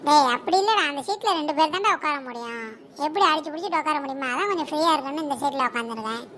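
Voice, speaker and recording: A woman's voice: high voice, expressive, racing, a bit bright. A woman voicing a cheeky, boastful schoolboy in a cartoon, with a Kanyakumari Tamil accent. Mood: curious. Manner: mocking, boastful. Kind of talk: cartoon voice acting.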